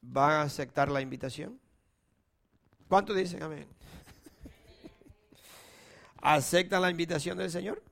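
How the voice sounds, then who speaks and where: A man preaching in a church with a somewhat high voice. He pleads and calls out with passion, then drops to a hushed, intimate tone for prayer. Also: slow, gravelly, pauses often. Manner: impassioned, swings between loud appeals and hushed prayer. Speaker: pastor. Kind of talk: sermon with scripture reading and prayer.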